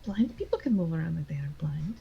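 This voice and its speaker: A woman player doing tabletop character role-play with slow, playful, drawn-out lines. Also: low voice, expressive, gravelly, husky, lo-fi sound.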